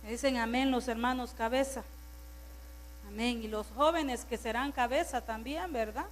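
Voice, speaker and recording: A woman's voice: a little high, normal speed, a little hiss or hum. A woman pastor preaching a sermon to her congregation, stressing word lists and turning to the listeners with asides.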